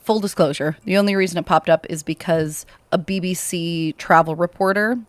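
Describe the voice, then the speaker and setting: A woman co-hosting a casual podcast, chatting and telling stories in an upbeat, animated way. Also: fairly low pitch, moderate pace, dry recording. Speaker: podcast co-host.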